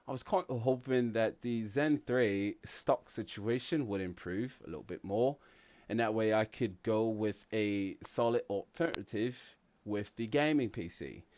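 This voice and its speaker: A man's voice: mid-range voice, brisk, clean tone, lo-fi sound, natural voice. An American man, a tech channel host, putting on a hammy fake London English accent with British slang during a livestream Q&A. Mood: playful. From United States.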